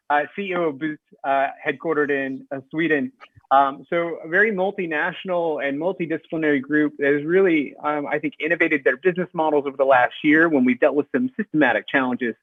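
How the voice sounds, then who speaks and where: A man moderating a conference panel, introducing the guests in a halting way. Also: on the high side, no room sound. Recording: tinny phone-like dry audio.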